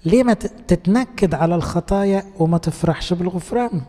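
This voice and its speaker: Egyptian priest preaching in a reverberant church. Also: male voice, high-pitched, quick pace, mellow. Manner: colloquial, coaxing, asks the congregation rhetorical questions. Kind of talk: conversational sermon.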